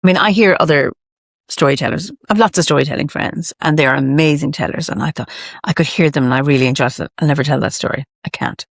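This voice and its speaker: An Irish woman storyteller talking reflectively in a lilting, emphatic way, with thoughtful, deliberate pauses. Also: low voice, vocal fry, no room sound, clean studio sound. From Ireland. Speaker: storyteller, interview guest. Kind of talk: reflective conversational storytelling talk.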